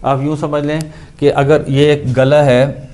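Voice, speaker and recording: A man teaching Quran recitation, patiently explaining and repeating syllables slowly to show how each letter sounds, with English words mixed in. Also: fairly high pitch, little pitch movement, dark tone. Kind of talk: explanatory lesson on pronunciation.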